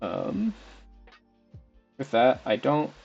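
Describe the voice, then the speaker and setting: Very animated and drawing out his words, a young man with a medium-pitched, creaky, husky voice streams a football management game. He rambles casually and talks to the on-screen players, while background music plays in the slightly dull stream audio.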